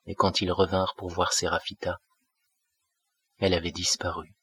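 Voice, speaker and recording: A man narrating a classic novel as an audiobook in a measured, steady way, close to the mic. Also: sits low, slightly rough, dry recording.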